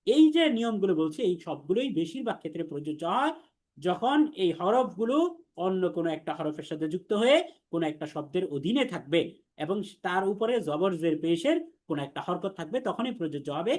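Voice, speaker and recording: A man with a high, expressive voice of darkish tone talks fast while teaching Arabic letters for the Quran. He takes students through it step by step, repeating patiently, and leads call-and-response drills.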